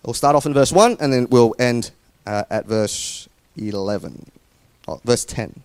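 A man's voice: mid-range voice, measured pace, darkish tone, clear, resonant tone, no echo. A man with occasional New Zealand inflections gives a casual, hesitant sermon introduction full of fillers, then reads scripture aloud at a church service. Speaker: preacher.

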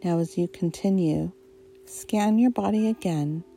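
A woman leads a guided relaxation like a slow hypnotist. Her voice is soft, very mellow and a little low. She speaks in short, unhurried phrases with long pauses, over faint music. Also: gravelly. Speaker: guided meditation narrator.

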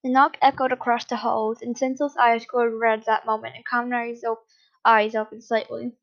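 A woman's voice: a little high, flat delivery, moderate pace. A woman reading a fan story aloud in a casual, unpolished way, with the odd slip and restart. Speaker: story reader. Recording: dull lo-fi recording.

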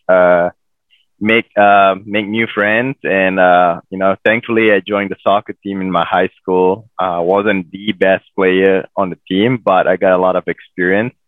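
A man from Malaysia speaks as a podcast guest, loose and easygoing, with plenty of fillers. His voice sits very low. The sound is thin and boxy, like a phone call with no room around it. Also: dry recording. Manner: relaxed, with many fillers. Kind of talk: casual interview storytelling. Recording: dry tinny phone-like line.

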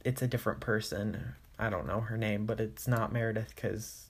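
A man's voice: lowish voice, fairly even intonation, moderate pace, slightly rough. A man hosting a podcast, giving a casual, chatty recap of an episode with many "uh" fillers. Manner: chatty, loose, with frequent "uh" fillers. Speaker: podcast host.

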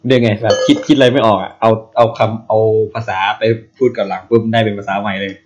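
A man's voice: on the low side, fast, dull audio, a little hiss or hum. A man casually explaining something to a co-host, playfully sounding out syllables one by one.

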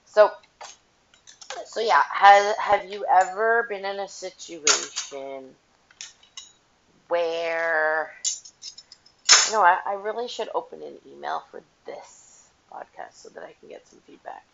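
A blunt, frank woman hosts a podcast while doing her dishes, her low, gravelly voice coming through a headset mic. The recording has a dull, tinny, metallic tin-can sound. A faint clatter of dishes runs underneath her talk. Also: animated, slow pace, pauses often, very noisy. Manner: blunt and profane, frank opinions. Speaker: podcast host. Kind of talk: casual solo podcast chat. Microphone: headphones with mic.

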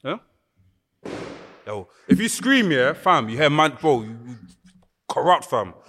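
London roadman host, very animated. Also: medium pitch, measured pace, long reverb tail, a little hiss or hum. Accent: London, urban street slang. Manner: London roadman talk, heavy street slang. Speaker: podcast host. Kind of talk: casual hype introductions of guests.

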